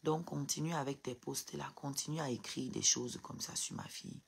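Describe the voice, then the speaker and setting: A woman's voice: rumbling low, normal speed, creaky, slightly rough. A woman crying as she talks on a live stream into her phone, firing defiant rhetorical questions at her viewers. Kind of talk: emotional live stream rant.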